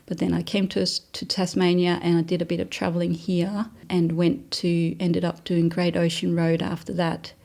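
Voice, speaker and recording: A woman from Denmark, a non-native English speaker, telling her story in a relaxed, soft-spoken interview with frequent fillers. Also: lowish voice, normal speed, vocal fry, hardly any pauses. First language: Danish.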